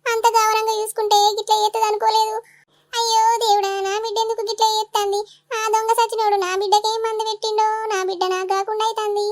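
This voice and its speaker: In cartoon voice acting, a woman with a very high-pitched, level voice speaks fast as a melodramatic middle-aged village mother. She scolds and wails in a Telangana Telugu accent.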